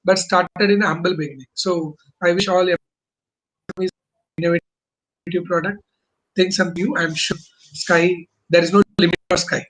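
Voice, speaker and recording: A man's voice: high voice, fairly even intonation, normal speed, long pauses, fairly bright tone, low-quality recording. A man from Bangalore, explaining business as an interview guest in emphatic, choppy phrases with rhetorical questions. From Bangalore, India.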